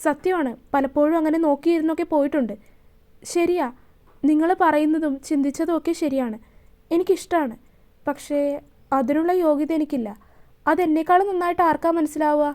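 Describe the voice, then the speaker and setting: A woman voicing a tearful young woman who talks hesitantly, halting and repeating her words. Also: high voice, steady tone, a little mellow, close to an everyday voice.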